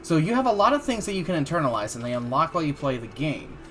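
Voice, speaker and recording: A man with a fairly high, expressive, slightly bright voice talks fast while streaming a video game live over game music. His casual gameplay commentary is loose and playful, and he swears often as he drinks.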